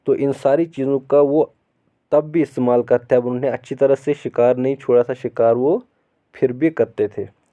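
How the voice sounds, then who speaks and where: A man teaching a school history lesson, reading English textbook lines slowly and then explaining them at length, with many repetitions. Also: medium pitch, steady tone, dark tone. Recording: phone-like narrow sound.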